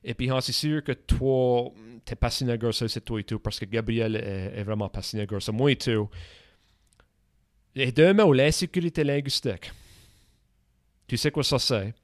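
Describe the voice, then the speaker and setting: A man's voice: medium pitch, moderate pace, no echo, studio quality. A man hosting a podcast interview, talking casually with English words mixed in. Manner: conversational, drops English words. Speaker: podcast host.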